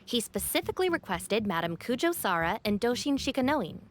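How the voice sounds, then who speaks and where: An actress playing a dependable young woman gang deputy who speaks in a dry, deadpan way. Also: a little high, brisk, music in the background. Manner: deadpan and wry. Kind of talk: video game voice acting.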